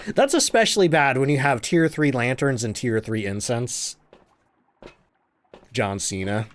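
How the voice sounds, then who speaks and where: A man's voice: mid-range voice, expressive, a little slow, slight background noise. A man streaming a game live, chatting, reading viewer comments aloud and laughing often.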